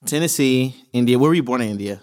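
A man's voice: medium pitch, quick pace, darkish tone, smooth. A man co-hosting a podcast, upbeat, who laughs easily and leads with questions. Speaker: podcast co-host. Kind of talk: casual interview chat.

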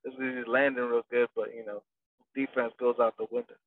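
Talking fairly quickly in a level, mid-range voice, a boxing trainer rambles casually through an interview, full of fillers and restarts. The audio is dry, distant, and sounds like a phone call.

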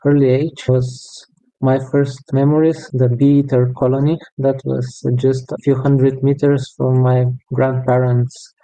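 Dark-voiced Bulgarian man, flat and halting. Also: mid-range voice, clean tone, poor audio. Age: 30s. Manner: halting, self-correcting, laughs often. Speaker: bird guide, podcast guest. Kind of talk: interview answers.

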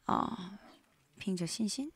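A woman interpreting a sermon live in a church, speaking in halting phrases with frequent restarts and fillers. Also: medium pitch, animated, slightly rough, dry recording. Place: church hall.

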